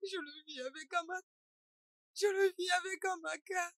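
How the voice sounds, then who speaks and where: A woman's voice: on the high side, animated, a little slow, no echo, studio quality. An actress dubbing a young woman who is upset and pleading. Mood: heartbroken. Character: distressed young woman betrayed by her lover. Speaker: young woman in a troubled love affair. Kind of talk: French dub of a film.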